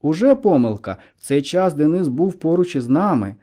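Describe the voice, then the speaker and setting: A man's voice: a little high, big pitch swings, normal speed, dark tone, voice pushed up. A man voicing an indignant teenage boy who argues urgently and keeps pressing his case. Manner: urgent, arguing.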